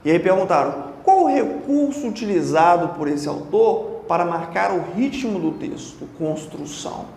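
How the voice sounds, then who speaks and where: A man with a Brazilian Portuguese accent giving an exam-prep lesson, chatty and lively, often asking the viewer questions. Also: high-pitched, normal speed, creaky, few pauses. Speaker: Portuguese teacher. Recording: echoey room with faint noise.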